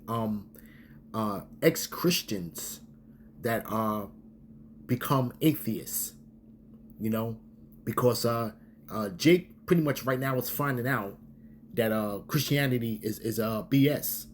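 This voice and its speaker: A man teaching his religious group in a sermon-style talk, halting and full of fillers, often tagging lines with okay and man. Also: medium pitch, slight background noise.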